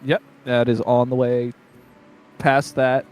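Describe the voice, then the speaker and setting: A man's voice: mid-range voice, little pitch movement, slow pace, darkish tone, smooth, soft background music. A man narrating a tabletop role-playing game casually as its game master.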